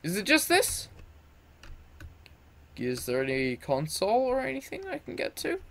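A man giving let's play commentary on his own gameplay, excitable and self-mocking, who chatters to himself and to things in the game. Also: high-pitched, moderate pace, vocal fry, a little hiss or hum. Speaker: gaming video host.

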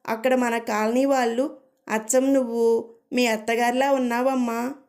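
An upset young newlywed daughter-in-law asking plaintive questions, as a woman reads her. The voice is fairly high and close to plain reading. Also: flat delivery, unhurried, darkish tone.

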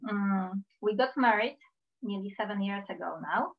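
The slightly dull audio comes from a computer mic on a video call, where a thirty-something Polish woman gives an invited talk about her life. Her medium-pitched, Polish-accented delivery is careful, measured and heartfelt.

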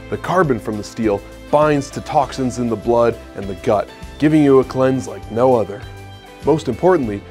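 A man playing an earnest spokesman selling a fake health product in a parody infomercial, with a smooth salesman delivery. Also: mid-range voice, darkish tone, lightly acted.

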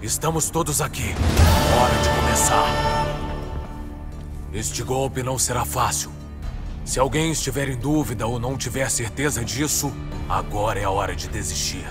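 An actor playing a grave, commanding leader of a heist crew in a dubbed video game. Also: male voice, medium pitch, normal speed, music in the background, lightly acted. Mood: solemn.

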